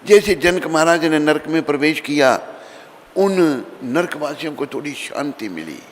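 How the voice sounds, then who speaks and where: A man's voice: a little high, lively intonation, measured pace. A man giving an earnest devotional sermon as a spiritual teacher, telling a story and calling on his listeners. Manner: earnest, addresses listeners with calls and chants. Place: temple hall during morning worship. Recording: long reverb, faint background noise.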